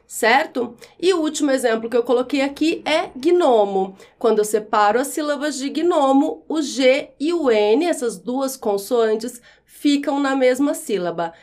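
A woman teaching a grammar lesson in a high, light voice. She explains step by step and says each example word slowly, with careful, clear enunciation. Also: lively intonation, a little mellow.

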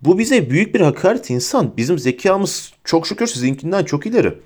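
A man doing a gruff proud centaur. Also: a little high, big pitch swings, a little fast, darkish tone, voice pushed up. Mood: offended. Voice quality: rough voice. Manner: gruff and scornful. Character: proud stern male centaur leader.

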